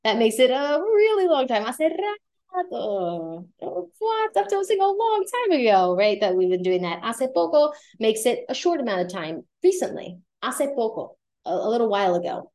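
Brief: woman, Puerto Rican Spanish accent, podcast Spanish teacher, mid-pitched, casual, stretches words to stress them. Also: darkish tone. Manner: explains phrases, drawing out words for emphasis. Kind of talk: podcast language lesson.

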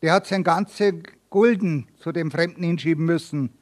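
A man's voice: fairly high pitch, normal speed, close to an everyday voice. A young tavern maid answers bluntly, in earthy, plain speech. A man reading a story aloud lifts his voice slightly to give her this manner.

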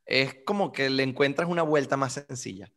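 A man's voice: mid-range voice, normal speed, a bit bright. A man who teaches violin, chatting casually and explaining words with acted-out little scenes. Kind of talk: casual chat.

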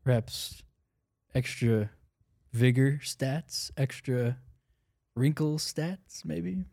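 A man's voice: mid-range voice, extremely slow, creaky, dark tone, dry recording, studio quality. A man in his twenties co-hosting a podcast from a home basement, chatting casually and laughing often. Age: 20s. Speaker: podcast co-host. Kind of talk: casual chat.

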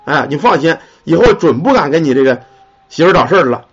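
A man telling a ghost story in an earthy, animated way and swearing casually. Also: a little high, fast talker, husky. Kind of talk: colloquial ghost story narration. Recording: dull lo-fi recording.

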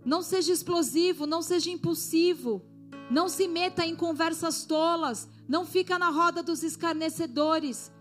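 Female preacher, high pitch, urgent exhorting sermon delivery over faint music. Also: moderate pace, a bit bright. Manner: exhorting, asks the congregation to respond. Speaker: pastor.

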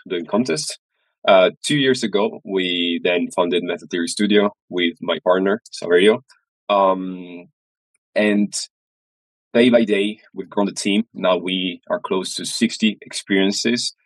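Male interview guest, very deep, halting, dry close sound. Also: dry recording, rough recording. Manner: halting, many uh fillers and repeats. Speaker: guest, studio founder. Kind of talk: interview answers.

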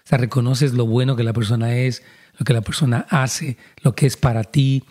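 A man's voice: mid-range voice, steady tone, moderate pace, a little mellow. A man, a pastor giving earnest counseling talk and speaking directly to listeners.

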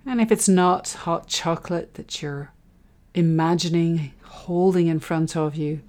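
Female meditation guide, soft and soothing, deep-toned and very slow, for a relaxation breathing exercise. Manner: soft, soothing, unhurried delivery with breathy phrase endings.

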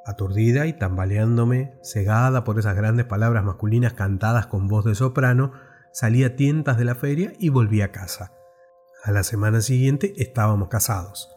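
A man narrating a story aloud in a measured, expressive reading. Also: fairly low pitch, soft background music.

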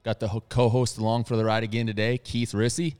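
A man's voice: fairly low pitch, flat delivery, quick pace, a little mellow, smooth, soft background music. A man in his thirties hosting a podcast, chatting casually in a laid-back, rambling way. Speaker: podcast host. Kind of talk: casual chat.

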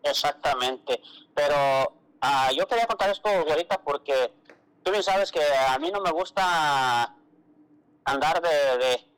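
A man's voice: on the high side, animated, a little slow, fairly bright tone, rough recording. A man co-hosting a radio show, telling a story in a casual chatty way and quoting others. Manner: storytelling, quotes others, calls co-host "güerita". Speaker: radio co-host.

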